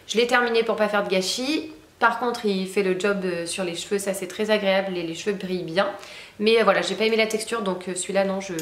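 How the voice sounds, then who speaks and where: A woman's voice: mid-range voice, reverberant. A young woman chatting casually about beauty products she has used up, with lots of hesitations and fillers. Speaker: beauty vlogger. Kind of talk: casual product review chat.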